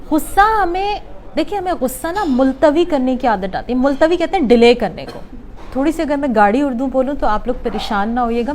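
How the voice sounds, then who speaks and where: High-voiced woman giving a workshop. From Pakistan. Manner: explains patiently, mixes English words into Urdu, takes audience questions. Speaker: psychologist leading a workshop. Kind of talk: conversational workshop talk to an audience. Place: club hall with live audience.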